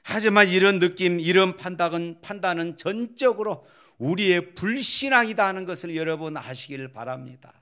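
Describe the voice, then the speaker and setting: A middle-aged male senior pastor preaching a Sunday sermon in a church, moving from quiet scripture reading to rising, emphatic exhortation. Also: high-pitched, normal speed. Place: church sanctuary.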